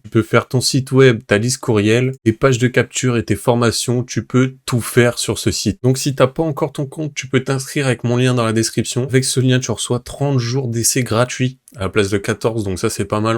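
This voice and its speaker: A man hosting a casual screen-recorded software tutorial, talking informally to the viewer and narrating his clicks with little sounds like "hop" and "tac". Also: medium pitch. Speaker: tutorial host.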